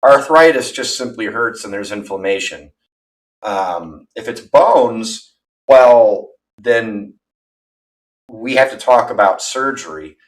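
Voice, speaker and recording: A man's voice: fairly low pitch, expressive, slow pace. A man in his thirties chatting casually on a livestream, rambling and candid, poking fun at himself. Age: 30s. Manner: rambling, candid and self-deprecating. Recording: voice from far off the mic.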